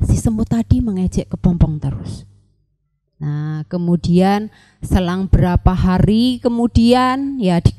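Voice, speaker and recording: A woman telling a story to children at a church service, animated and repeating phrases for emphasis. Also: mid-range voice.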